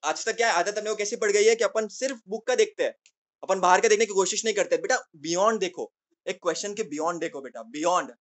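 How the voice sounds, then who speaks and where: A man's voice: high-pitched, fast talker, fairly bright tone. A man tutoring maths, coaxing students to answer and teasing them with playful praise. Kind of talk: online class teaching.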